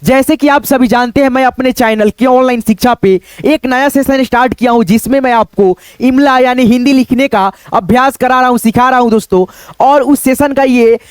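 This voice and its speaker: A man's voice: very high-pitched, normal speed, smooth, no echo. A man teaching an online Hindi writing lesson, patiently explaining step by step and drawing out the vowel sounds.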